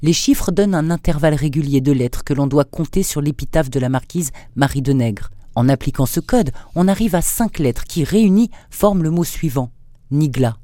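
A man's voice: a little high, expressive, normal speed, dark tone, no room sound, close to an everyday voice. A man reading as a fervent old scholar. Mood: explaining. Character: older male scholar, a marquis, learned and fervent.

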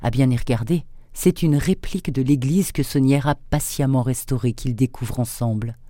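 A man presenting and reading a thriller excerpt aloud in a measured, steady narration. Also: mid-range voice, no room sound, studio quality. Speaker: radio book reader and presenter.

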